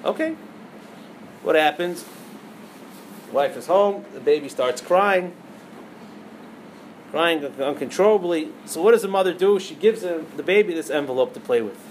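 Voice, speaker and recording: A man with a high-pitched voice teaches a Torah lesson, weaving Hebrew terms into plain English. He tells a parable and keeps asking his listeners questions. A faint hum sits under the recording. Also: animated, moderate pace, long pauses, low-quality recording. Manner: storytelling with rhetorical questions, many Hebrew terms. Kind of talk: teaching a lesson on liturgical poems.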